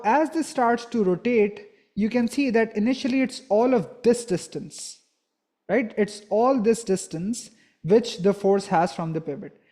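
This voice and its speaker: A young man with a high, dark-toned voice delivers a physics lesson as the teacher, moving methodically through each step. He regularly seeks agreement with a quick "right?".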